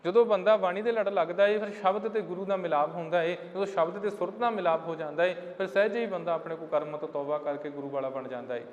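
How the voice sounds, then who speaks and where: Brief: male preacher, high voice, chants scripture lines slowly, long hall echo. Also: muffled recording. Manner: addresses listeners as dear ones of the Guru. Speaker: Sikh preacher giving katha. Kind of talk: sermon explaining scripture lines.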